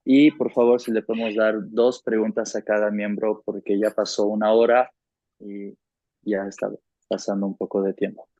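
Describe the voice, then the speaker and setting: A man works as a consecutive interpreter between English and Spanish on an online group call. His voice is fairly low and dark, with little pitch movement, a moderate pace, and no echo, over dry, dull lo-fi call audio.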